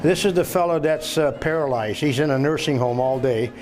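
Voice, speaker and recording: Here a Belgian home videographer in his seventies visits a veteran and chats with him in a casual, folksy, agreeable manner. His slightly high voice has a darkish tone and a brisk pace. The low-quality recording carries soft background music.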